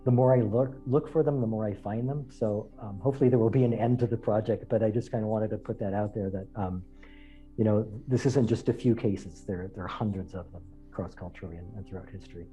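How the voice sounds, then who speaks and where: Dark-voiced man, hesitant researcher. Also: on the low side, fairly even intonation, brisk, soft background music, poor audio. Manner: hesitant, many fillers and restarts. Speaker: researcher and guest presenter. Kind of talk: Q&A answer.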